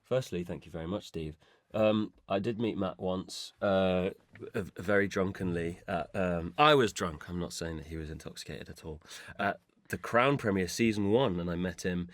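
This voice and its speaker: A low-pitched man, recorded with no room sound, talks at a moderate pace. He's a voice actor in an interview, fielding listener questions in a relaxed, playful chat and sharing stories with slight hesitation.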